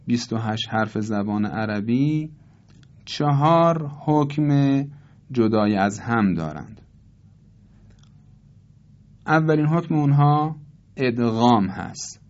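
Man teaching Quran recitation rules, deliberate. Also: medium pitch, a little mellow, muffled recording. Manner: slow, deliberate, repeats each example slowly. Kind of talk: tajweed lesson with recited examples.

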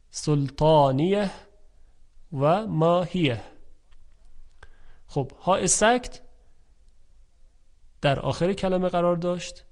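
A man teaching a tajwid lesson on Quran recitation. He explains calmly, asks and answers his own questions, and recites example words slowly and loudly. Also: fairly high pitch.

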